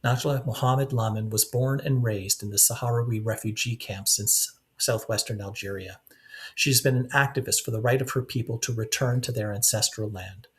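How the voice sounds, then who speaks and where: A podcast host with a medium-pitched voice and fairly even intonation speaks at a moderate pace. He asks long interview questions, hesitating and searching for words, full of restarts and fillers.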